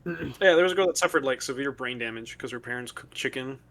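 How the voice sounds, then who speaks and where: A man co-hosting a casual podcast, telling stories in a relaxed way with fillers like "um" and "like". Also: mid-range voice, quick pace, gravelly. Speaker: podcast co-host. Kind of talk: casual chat.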